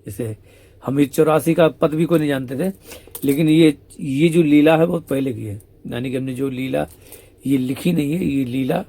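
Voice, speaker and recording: A man's voice: fairly high pitch, normal speed, vocal fry, warm tone. A man conversationally retelling a devotional story as a spiritual storyteller.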